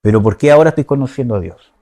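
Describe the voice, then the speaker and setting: A man's voice: mid-range voice, lively intonation, racing, warm tone. A man giving an informal teaching sermon, often checking in with his listeners and searching aloud for words. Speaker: preacher.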